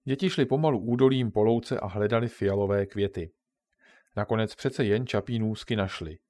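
A man narrating a children's story in a calm, steady storytelling manner. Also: fairly low pitch.

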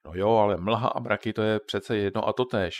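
A man's voice: lowish voice, no room sound, natural voice. A man voicing a joking father who patiently explains things to his children in a storybook reading. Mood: jokey explaining.

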